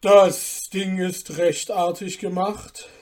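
A woman's voice: on the low side, little pitch movement, slow, darkish tone. A woman voicing a sneering, mysterious foreign guest in a storybook reading, smug and mocking.

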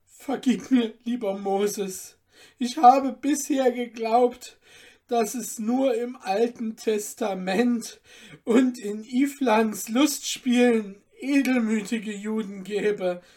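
A woman's voice: fairly high pitch, lively intonation, slow pace, dark tone, voice pushed up. A woman voicing a poor young male student, pleading and emotional, in a storybook reading. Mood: tearful.

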